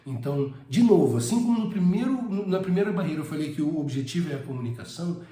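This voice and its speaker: A man's voice: on the high side, expressive, quick pace, mellow, reverberant. A man from Brazil with a Rio de Janeiro accent, teaching a casual spoken lesson with frequent hesitations and repeated words. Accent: Rio de Janeiro Portuguese. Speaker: English teacher.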